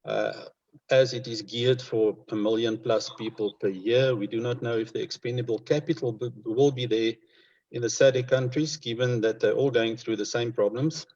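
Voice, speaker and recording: Man, Namibian accent, mid-range voice, hesitant and measured, informal interview, muffled low-fidelity sound. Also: fairly even intonation, darkish tone. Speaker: conservationist interviewed as guest. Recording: dull lo-fi online call audio.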